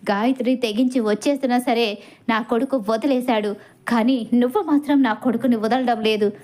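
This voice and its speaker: A woman voicing an enraged older father who shouts accusations at a scheming woman. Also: fairly high pitch, steady tone, moderate pace, close to an everyday voice. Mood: bitter.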